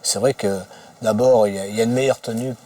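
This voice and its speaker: A man with a husky voice reflecting informally in a documentary interview, halting and repeating words as he searches for phrases. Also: on the low side, fairly even intonation, warm tone. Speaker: expedition member interviewed for a documentary. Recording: slightly distant microphone.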